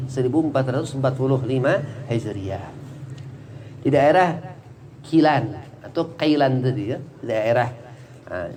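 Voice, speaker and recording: A man's voice: mid-range voice, darkish tone, a little hiss or hum. A man teaching a religious study class, explaining in a chatty, digressive way with many small fillers.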